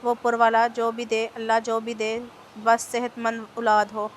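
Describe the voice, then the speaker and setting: A woman reading the lines of a tender young pregnant wife in a storybook novel, in a flat, even reading voice. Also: fairly high pitch, a little slow, slight background noise, natural voice.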